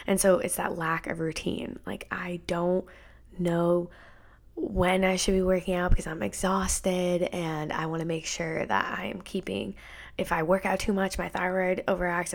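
A young woman in her twenties hosts a casual solo podcast, talking candidly and a little rambly. Her voice sits slightly low colours her words. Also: creaky. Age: 20s. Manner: chatty, rambling, candid, many "like" fillers. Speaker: podcast host.

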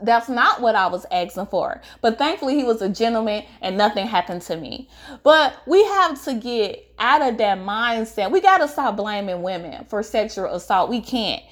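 Earnest woman with a slightly high voice. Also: big pitch swings. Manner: earnest, emotional, halting with restarts. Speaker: vlogger. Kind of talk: personal testimony to camera.

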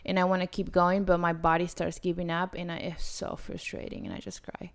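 A woman's voice: on the low side, little pitch movement, a little fast, creaky. A young woman co-hosting a podcast, talking casually with lots of "like" and the odd swear word. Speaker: podcast co-host. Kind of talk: casual chat.

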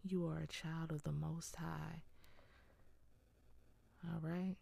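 A woman giving a casual devotional talk, earnest and encouraging, often dropping into a soft whisper. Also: sits low, flat delivery, takes it slowly, gravelly. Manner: earnest, encouraging, with small laughs.

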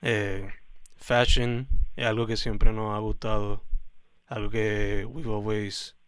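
A man's voice: fairly low pitch, level tone, takes it slowly, a bit bright, smooth, no echo. A man hosting a casual, affectionate phone interview, mixing Spanish and English as he talks. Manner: mixes Spanish and English (Spanglish). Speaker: podcast host.

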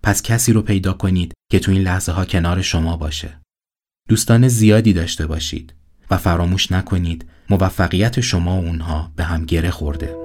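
A man narrating a motivational story in a calm, earnest voice-over. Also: low-pitched.

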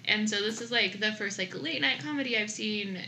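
A woman's voice: mid-range voice, brisk, pushed and bright, slight background noise, low-quality recording. A young woman co-hosting a podcast, chatting casually about a movie with lots of filler words. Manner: chatty, many "like" fillers, laughs often. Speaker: podcast co-host.

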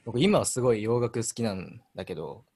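A man in his twenties with a Kansai accent, a band member telling a story in a relaxed, self-mocking way on a casual radio chat. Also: lowish voice, fairly quick, husky. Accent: Kansai Japanese.

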